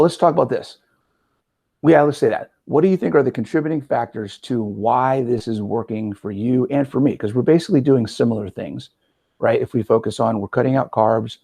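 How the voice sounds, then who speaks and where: In this casual interview, the forty-something metabolic coach and podcast host keeps things lively and conversational, frequently tossing in "right?". He has a medium pitch with noticeable vocal fry.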